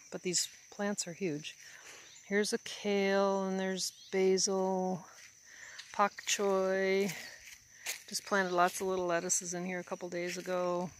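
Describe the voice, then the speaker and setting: A woman walking through her garden, recording on a phone and pointing out the plants in an unhurried way. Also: on the low side, completely flat delivery, background noise. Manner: unhurried, pointing things out as she walks. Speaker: gardener giving a tour. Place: outdoor garden. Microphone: handheld phone, speaker behind camera. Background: crickets and outdoor ambience.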